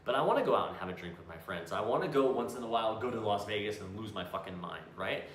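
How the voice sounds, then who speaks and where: A man's voice: lowish voice, lively intonation, fast. A man in casual chat, telling stories bluntly with a lot of swearing and restarts. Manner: blunt, profane storyteller with many restarts. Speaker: co-host. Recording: roomy echo, faint background noise.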